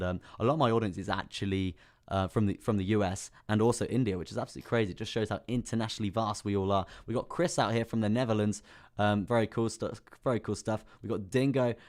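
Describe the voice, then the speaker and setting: A young English man talks quickly and casually in a fairly low, hoarse voice, as if he has partly lost it. He chats loosely, greets people by name, and laughs easily while he walks through his charts. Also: a little mellow. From England. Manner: chatty, reads out viewer names and laughs often. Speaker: crypto live-stream host. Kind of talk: casual live-stream chart talk.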